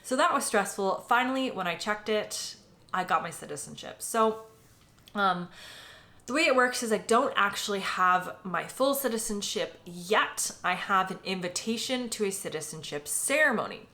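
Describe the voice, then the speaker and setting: A woman's voice: mid-range voice, animated, moderate pace, bright, forceful tone. Chatty American woman in her late twenties. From United States. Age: late 20s. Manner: chatty, filler-heavy, often says "like" and "um". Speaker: vlogger. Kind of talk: casual personal vlog.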